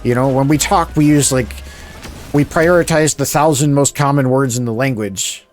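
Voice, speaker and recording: A man from the suburbs, chatting casually on a live stream, mumbling a little, talking fairly slowly and rambling with restarts. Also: mid-range voice, faint music behind. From Philadelphia suburbs, USA.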